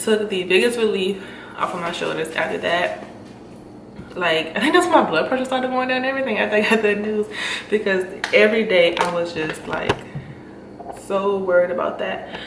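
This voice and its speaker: A young woman vlogger chats casually to the camera, full of fillers and laughter, her voice medium in pitch and normal in pace. She sounds stuffy-nosed and short of breath. The mic sits at a distance in an echoey, noisy room.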